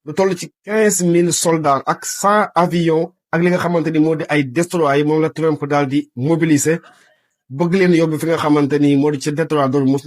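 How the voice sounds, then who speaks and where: A Senegalese man presents breaking news in a fairly high voice with a dry, close sound. He keeps turning to his listeners and leans on repeated stock phrases as he reports. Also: a little mellow, dry recording. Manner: repetitive, addresses listeners often.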